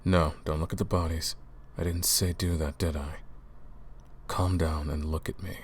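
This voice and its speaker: In a roleplay audio drama, a man voices a centuries-old vampire hunter, stern and commanding, speaking deliberately as he questions the listener. His bass voice barely moves in pitch and carries a breathy edge, and his mood is stern and demanding.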